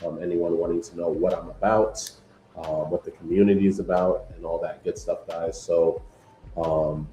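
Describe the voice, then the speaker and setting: Laid-back deep-voiced New man. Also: normal speed, roomy sound, poor audio. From New York. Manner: relaxed, rambling, many fillers, keeps saying "guys". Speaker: livestream host. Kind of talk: casual livestream chat.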